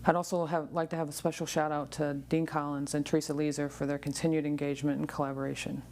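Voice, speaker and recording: A woman's voice: deep voice, level tone, quick pace, darkish tone, a little hiss or hum. A woman in her fifties delivering a prepared acceptance speech as an award recipient. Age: 50s.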